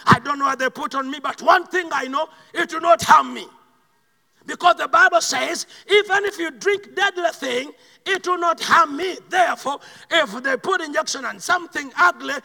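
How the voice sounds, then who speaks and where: A man from Uganda with a Ugandan accent preaching a sermon, swinging between loud shouted bursts and quiet slow asides. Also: extremely high pitch, vocal fry, big-room sound.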